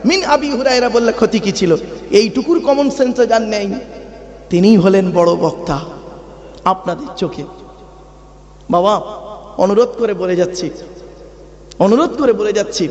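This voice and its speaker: A man's voice: very high voice, lo-fi sound. A man preaching, teaching correct Quranic pronunciation by chanting verses and quizzing his listeners. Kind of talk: sermon. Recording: long echoey reverb of a large venue.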